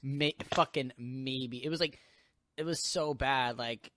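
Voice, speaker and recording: A young man in casual podcast chat, his speech loose and rambling, full of swearing and filler words. His voice sits at an ordinary middle pitch. The recording is close and dry, with no room sound. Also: unhurried, pushed and bright, no echo. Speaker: podcast host.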